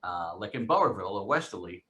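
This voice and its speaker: A man's voice: deep voice, big pitch swings, fast talker, a bit bright, poor audio. A man with a Rhode Island accent doing a comic routine at a virtual gala, teasing like a mock teacher and repeating his punchlines. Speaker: comedian.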